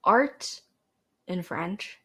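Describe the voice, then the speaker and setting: A woman's voice: fairly low pitch, lively intonation, extremely slow, fairly bright tone, slightly rough. A young woman from Canada, hosting a podcast and rambling casually into a desk microphone, chatty and self-deprecating, with fillers and restarts. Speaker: podcast host. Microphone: desk microphone with a cord.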